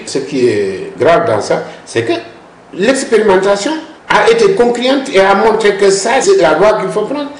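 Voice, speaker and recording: A language policy expert, male and mid-range in voice, argues his points at length in a discussion interview, often breaking in with repeated words. There's slight background noise and a roomy echo.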